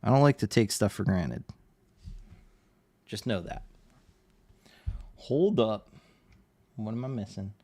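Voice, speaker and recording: A man's voice: on the low side, expressive, slow, long pauses, warm tone. A man streaming his art live, chatting casually and answering viewers' questions in a rambling, laid-back way. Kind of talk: casual live-stream chat while drawing.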